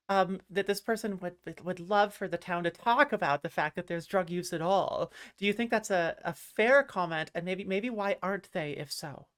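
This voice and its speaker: Chatty woman hosting a livestream. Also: mid-range voice. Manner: chatty, laughs easily, reads out viewer comments. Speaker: livestream show host. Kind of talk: casual livestream interview.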